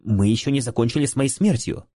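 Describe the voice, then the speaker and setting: A man's voice: medium pitch, fast, warm tone, no echo, pitched above the performer's own voice, close to an everyday voice. A man voicing a frightened, bewildered man who has just died, speaking agitatedly and asking question after question. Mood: confused, agitated.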